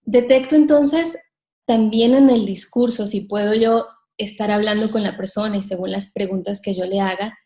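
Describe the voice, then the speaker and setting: A woman leading a live sales workshop, talking straight to her audience with frequent questions and shifting her pace and loudness to stress points. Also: medium pitch, steady tone, normal speed. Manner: addresses the audience directly with frequent rhetorical questions. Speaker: sales trainer.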